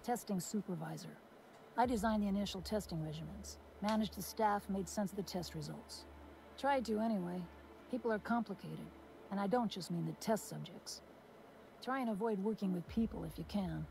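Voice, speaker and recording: A woman voices a jaded former testing supervisor, sardonic and weary, in a video game. Her voice has a gravelly edge, with faint game noise behind it. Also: medium pitch, normal speed, darkish tone, natural voice. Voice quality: dry, sardonic, world-weary. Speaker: game character.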